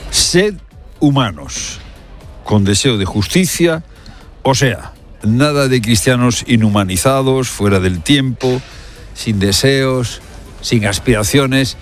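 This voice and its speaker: A male commentator, talking through the news live at a mid-range pitch. He leans hard on his points and keeps throwing rhetorical questions at the listener. Hesitant fillers break up his sentences now and then. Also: lively intonation, slow, soft background music. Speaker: radio commentator.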